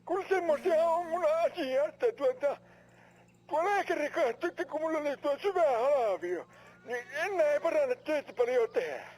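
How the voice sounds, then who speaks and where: An older country farmer rambles hesitantly over the phone. His voice sits high and swings widely in pitch. He pauses and restarts as he asks a favor. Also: lively intonation, a little mellow. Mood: asking a favor. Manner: rambling, hesitant, rural dialect. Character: older male Finnish farmer neighbor calling.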